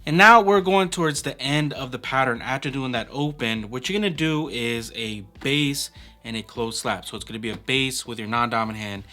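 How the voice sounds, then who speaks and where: Bright-voiced man teaching hand drumming. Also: mid-range voice, normal speed, faint music behind. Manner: relaxed, breaks patterns down step by step with fillers. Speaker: percussion teacher. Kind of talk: casual instructional explanation.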